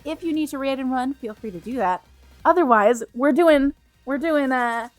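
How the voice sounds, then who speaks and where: A woman livestreaming a game and chatting with viewers in a bubbly, cutesy, playful and expressive way. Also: high-pitched, moderate pace, dry recording. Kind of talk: livestream chat while playing a game. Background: game music.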